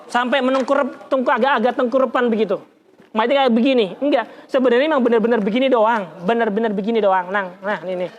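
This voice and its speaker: A man. He demonstrates as he explains and keeps asking his listeners questions. His pitch jumps up suddenly in exclamations. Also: quick pace, highs cut off, slight background noise. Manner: animated, colloquial, demonstrating with gestures, asks the audience questions. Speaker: religious teacher. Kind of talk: lively Islamic study lesson with demonstration.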